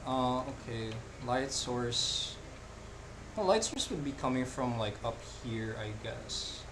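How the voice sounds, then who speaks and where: A young Filipino man chats casually with viewers during a live-drawing stream, rambling with lots of fillers. His medium-pitched voice is expressive and slow, and background noise can be heard.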